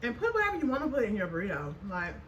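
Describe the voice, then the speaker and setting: A woman in her mid twenties with a bright, forward voice hosts a casual eating vlog. She talks with her mouth full, sassy and folksy, repeating her points for emphasis. Some room noise sits behind her. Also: on the high side, huge pitch swings, very fast, muffled recording. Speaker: vlogger hosting a mukbang chat. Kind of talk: casual chat to camera while eating.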